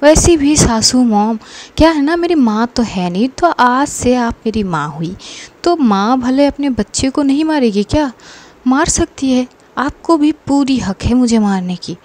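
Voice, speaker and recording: A woman's voice: high-pitched, lively intonation, measured pace, a little mellow. A woman voicing a bold, teasing young woman in love, talking back with playful defiance in a narrated story. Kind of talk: narrated story with acted dialogue.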